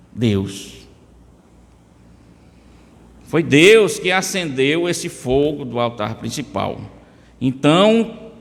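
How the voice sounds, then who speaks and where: Man, Brazilian Portuguese accent, emphatic sermon delivery in a slightly high voice, church hall echo. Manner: addresses listeners by name, emphatic rises. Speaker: preacher.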